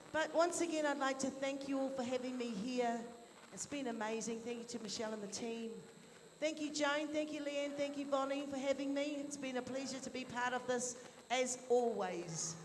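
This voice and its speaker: A woman, speaking as a live stage MC with an effusive, informal manner and measured reading. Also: high-pitched. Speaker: event MC introducing performers. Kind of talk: live stage announcing, partly read out. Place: large hall at a live performance event. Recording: echoey hall, faint background noise.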